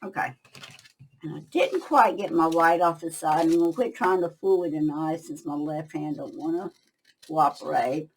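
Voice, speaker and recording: An older woman hosts a relaxed crafting lesson from her own craft shop. Her voice sits a little low, and she talks chattily to her viewers. She drifts into half-finished thoughts whenever she concentrates on her work. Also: normal speed, husky, rough recording. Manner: chatty, talks to viewers while working, trails off when concentrating. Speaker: craft tutorial host. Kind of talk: casual crafting tutorial.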